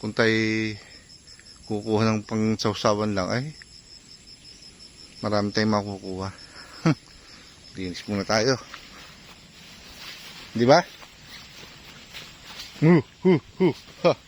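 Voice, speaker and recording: Low-voiced man vlogging from his farm. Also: fairly even intonation, slow pace, long pauses, a little hiss or hum. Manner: chatty, talks to viewers while working, often asks "di ba?". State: out of breath at times. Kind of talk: casual narration while clearing brush. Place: outdoors on a farm field.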